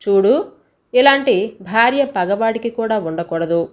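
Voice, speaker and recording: A woman's voice: a little high, lively intonation, measured pace. A woman doing a defensive hard-drinking husband. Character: angry drunk husband, defensive man.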